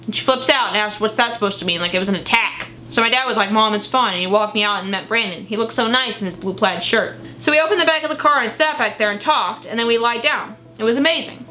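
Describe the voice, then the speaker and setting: A woman's voice: fairly high pitch, quick pace, few pauses, sharp tone, slight background noise. A young woman reading old teenage diary entries aloud in a dramatic, gushing way, breaking off for casual, sweary asides. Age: young adult. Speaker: vlogger.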